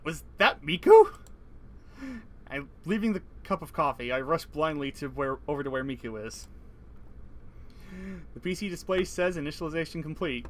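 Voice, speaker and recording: Reading game text for a let's play, this man's voice is a little high and a bit bright. He delivers the visual novel's narration evenly before breaking off to crack jokes and laugh.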